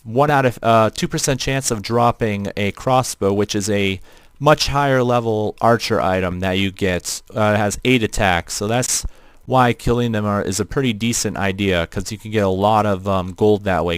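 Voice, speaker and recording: Robotic-sounding man, low and clear. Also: dry recording. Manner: halting, repeats and rephrases as he goes. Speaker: livestreamer playing an online role-playing game. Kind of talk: casual gameplay livestream commentary.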